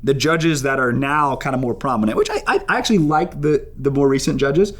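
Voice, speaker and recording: A young man hosting a youth ministry show in casual chat, animated and upbeat, building up hype. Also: mid-range voice, fairly quick.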